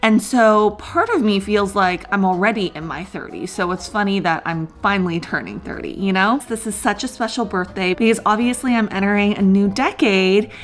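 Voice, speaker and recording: A woman of thirty chatting casually to camera as a lifestyle vlogger, bubbly and excited, dropping lots of "like". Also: medium pitch, moderate pace, hardly any pauses. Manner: bubbly and chatty, often says "like". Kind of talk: casual vlog chat to camera.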